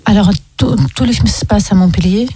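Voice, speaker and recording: A woman's voice: medium pitch, fairly quick, mellow, breathy edge, no echo. A young woman from Russia, a film director, answering radio interview questions with many hesitant ums.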